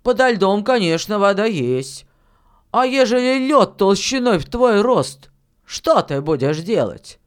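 A gruff old village miller scolds in a slow, weighty storybook voice, as a reader puts him on. He speaks sternly and louder than the surrounding narration, with a grumbling sternness that stays steady. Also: medium pitch. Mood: gruff teasing. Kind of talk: audiobook reading of a fairy tale.

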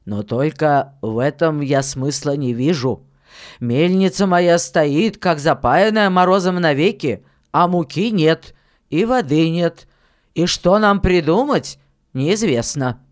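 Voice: medium pitch, expressive, takes it slowly. A reader voicing a stern old miller. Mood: stern scolding. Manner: stern, scolding, louder than the narration. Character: stern old village miller, gruff and grumbling. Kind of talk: audiobook reading of a fairy tale.

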